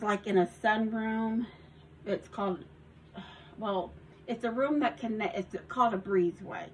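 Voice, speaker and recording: A Southern-accented woman with a medium-pitched, fairly bright voice casually shows off her handmade journal from her home craft room in a vlog. She rambles with restarts and little giggles. The phone audio is poor, with a bit of hiss or hum.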